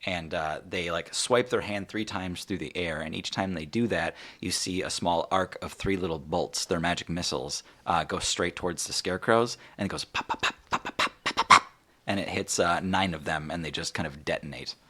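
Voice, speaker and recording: A man's voice: low-pitched, normal speed, few pauses, a bit bright. A man narrating a tabletop game as game master, casual and full of fillers.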